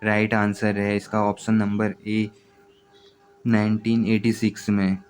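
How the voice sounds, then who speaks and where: Flat-voiced man reading exam answers. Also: fairly low pitch, takes it slowly, smooth. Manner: steady, repetitive question-by-question reading. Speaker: exam prep teacher.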